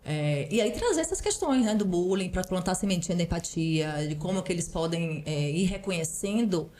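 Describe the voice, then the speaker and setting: A woman's voice: fairly low pitch, animated, fairly quick, warm tone, slight background noise. A woman, a parental counselor, explaining earnestly in a podcast conversation and often adding small tag questions. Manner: earnest, advising, often adds "né". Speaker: parental counselor and psychoanalyst guest.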